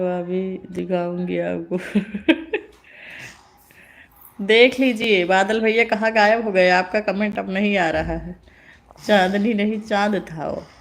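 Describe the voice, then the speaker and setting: Woman live-stream host, mid-pitched, chatty and teasing, laughs often. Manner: playful teasing, frequent laughter. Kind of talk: casual live-stream chat reading comments.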